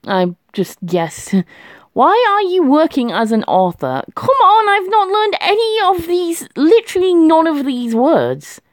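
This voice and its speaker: Woman, vlogger, casual thinking aloud, chatty, lively pitch, dry close sound. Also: no echo. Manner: chatty, talks to herself, laughs often. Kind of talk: casual thinking aloud while doing a language quiz.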